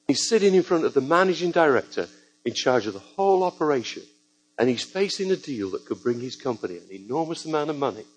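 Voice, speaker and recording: A man's voice: mid-range voice, fast talker, low-quality recording. A man preaching a sermon to a church congregation, telling stories with joking asides. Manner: lively storytelling with joking asides.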